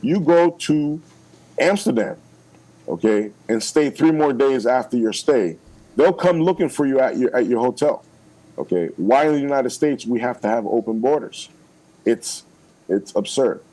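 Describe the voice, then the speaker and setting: Emphatic man pitching a plan, dark voice. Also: animated, normal speed, poor audio. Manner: emphatic, persuasive, keeps asking "okay?". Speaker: political candidate. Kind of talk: radio interview.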